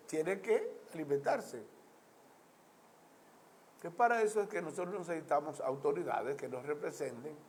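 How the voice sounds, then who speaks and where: A man's voice: fairly high pitch, a little mellow, a little hiss or hum. A man with a Dominican Caribbean Spanish accent giving social commentary in an emphatic, oratorical way, building repeated lists and asking rhetorical questions. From Dominican Republic. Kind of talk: political and social commentary addressed to the audience.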